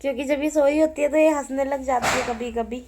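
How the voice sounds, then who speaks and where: A woman's voice: high-pitched, fairly even intonation, a little fast, noisy background. A young woman chatting casually to her viewers in a family vlog at home, rambling through stories and cooing to a baby now and then. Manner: chatty, rambling storytelling, coos to a baby in between. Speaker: family vlogger.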